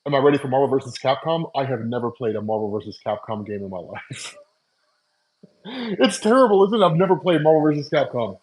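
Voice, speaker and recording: Making coffee at home, this man in his forties hosts a comics channel live stream, talking with viewers in a loose, laughing way full of fillers through wireless earbuds. He speaks at medium pitch, very animated and brisk, with a slightly mellow tone on a low-quality recording.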